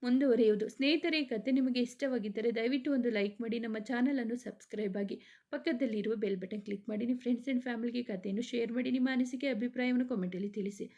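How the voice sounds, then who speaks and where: Expressive woman storyteller. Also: a little high, fast. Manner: expressive reading, acting out each character. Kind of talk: serialized story narration.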